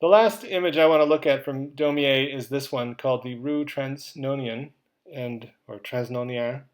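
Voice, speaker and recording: A man's voice: mid-range voice, steady tone, normal speed. A man giving a recorded art history lecture in a conversational way, with casual asides.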